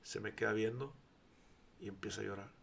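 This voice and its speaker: A man's voice: on the low side, fairly even intonation, brisk, creaky, fairly bright tone, a little hiss or hum. A man in his forties with a Mexican accent, a guest sharing his faith testimony as a storyteller who acts out dialogue and sometimes drops to near whispers. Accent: Mexican Spanish. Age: 40s. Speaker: interview guest, church founder.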